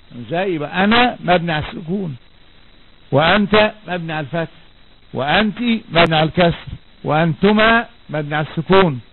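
A man with an Egyptian Arabic accent teaching a grammar lesson, asking his students questions and answering them himself while repeating the key words. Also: fairly high pitch. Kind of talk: classroom lesson. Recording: tinny lo-fi recording, faint background noise.

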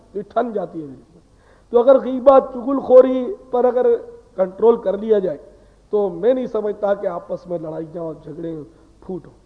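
A man preaching a sermon in a high voice, admonishing his listeners in an earnest, conversational way. He sounds thin and tinny, as if heard over a phone line, with a long reverb trailing behind each phrase like in a big hall. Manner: conversational, earnest admonishing lecture with rhetorical questions.

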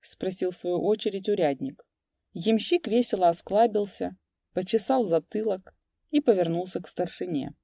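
A woman narrating an audiobook in a steady, measured voice. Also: mid-range voice, gravelly, slightly rough, dry recording, studio quality.

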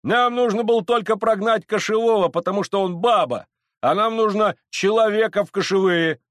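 A rowdy, drunken mob of Cossack men bellows in high, strained voices, as a male reader puts them on. The shouting is rough and loud, with drawn-out yells. The reading is dry and close. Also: dry recording, lightly acted. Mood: shouting angrily.

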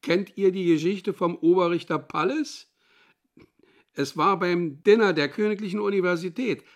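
A wry storytelling man in a radio play, a bit high. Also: moderate pace. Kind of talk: radio drama acting.

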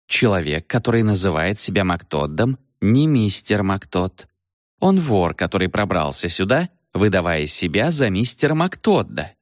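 A man voicing a determined, impatient young woman in an audiobook reading, speaking brisk and insistent. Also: low-pitched, dry recording, clean studio sound.

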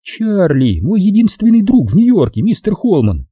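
A man's voice: high voice, sing-song, a little fast, dark tone, breathy edge, no echo, pitched above the performer's own voice, heavily acted. A man voicing a cooing, imperious film starlet. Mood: coaxing sweet. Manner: sweetly cooing, commanding. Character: glamorous female film star, coy and imperious.

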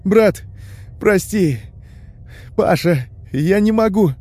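A terrified young man shouts in a trembling voice that keeps breaking into sobs, as a male reader acts him out. He sits very high in pitch with a dark, mellow tone. Faint music plays beneath. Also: animated, takes it slowly, exaggerated voice. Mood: panicked. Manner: shouting through tears. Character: frightened young man, sobbing, defiant.

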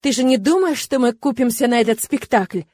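A woman's voice: sits high, animated, fast, dry recording, pitched above the performer's own voice. Woman doing a barking male interrogator. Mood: harsh. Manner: barking, contemptuous. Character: scornful commanding male interrogator.

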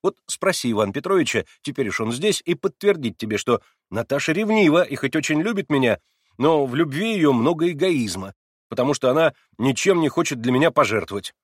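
A man reading a novel aloud and voicing an excitable young man who pleads and defends himself in a raised, plaintive voice. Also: on the high side, fairly quick, dry recording, clean studio sound, pitched above the performer's own voice. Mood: pleading, agitated. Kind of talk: audiobook character reading.

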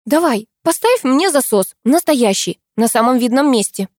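A woman reading an audiobook, voicing a flustered, excitable young office woman who pleads and panics easily. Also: high-pitched, no echo, clean studio sound, voice pushed up. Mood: pleading. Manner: pleading, impulsive, quick to panic.

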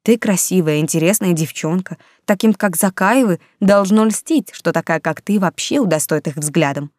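A brash young woman who speaks bluntly and teases her friend, as a woman reading the story puts her on. The voice is fairly low and recorded dry and close. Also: moderate pace, a little mellow, no echo, natural voice. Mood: teasing. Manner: blunt, teasing.

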